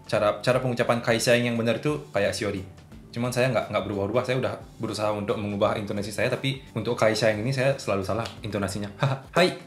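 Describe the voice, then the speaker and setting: A young man casually teaching a language lesson, chatty and patient, working through spoken examples. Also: on the low side. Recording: roomy echo with faint music.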